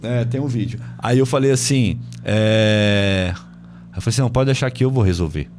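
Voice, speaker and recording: A man's voice: fairly low pitch, moderate pace, background noise. Man telling a family story. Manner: conversational, many fillers, acts out family dialogue. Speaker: podcast host. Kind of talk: casual storytelling. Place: home podcast studio.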